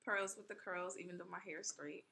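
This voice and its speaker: A woman guest in a casual podcast chat, teasing and quick to laugh. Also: fairly low pitch, fairly even intonation, creaky, pushed and bright.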